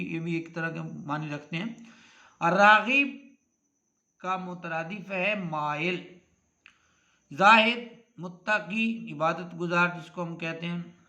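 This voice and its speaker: A man with an Urdu accent teaching a vocabulary lesson, going through the words slowly and deliberately and repeating each pair. His voice sits high and comes across bright and a little tense. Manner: slow, deliberate, repeats each word and its meaning. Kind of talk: classroom lesson on synonyms.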